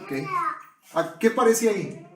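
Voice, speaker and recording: A man's voice: high voice, huge pitch swings, a little slow, a little mellow, echoey room, low-quality recording. A man preaching a sermon, often calling his listeners brothers and asking them to agree. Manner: addresses the congregation as brothers, asks for agreement often.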